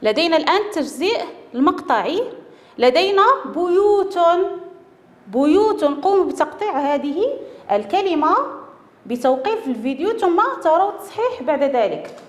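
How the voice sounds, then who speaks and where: A woman teaching a reading lesson to young children, spelling out syllables slowly. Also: high-pitched, big pitch swings. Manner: slow, drawn-out syllables for children. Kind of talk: primary school reading lesson. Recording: echoey room with long reverb.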